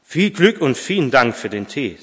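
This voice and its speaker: A man reading aloud as a poor, grateful old street sweeper, soft and wondering, in a reverberant church. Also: mid-range voice, big pitch swings, moderate pace, breathy edge, voice pushed up. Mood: humble.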